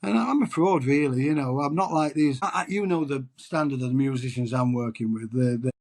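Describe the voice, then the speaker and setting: Here is a husky, mid-range male voice, a little mellow and a little fast. The speaker is a middle-aged Englishman and tribute singer chatting casually in an interview, self-deprecating and rambling, often restarting.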